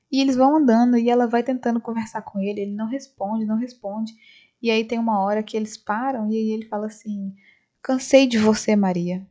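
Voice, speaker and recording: A woman's voice: on the high side, dark tone. Woman casually recapping a film. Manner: retells scenes, acting out the dialogue. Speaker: film reviewer. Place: home, right after the cinema. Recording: slightly dull lo-fi sound.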